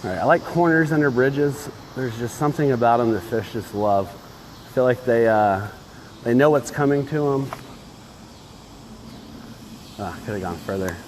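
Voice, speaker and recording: A man with a middling-pitched voice talks casually under a bridge outdoors. He rambles informally like a fishing streamer, with modest, opinionated asides. Faint ambient noise runs behind him on the phone recording. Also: expressive, normal speed, pauses often, darkish tone, poor audio. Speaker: fishing livestream host. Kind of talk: casual chat while fishing.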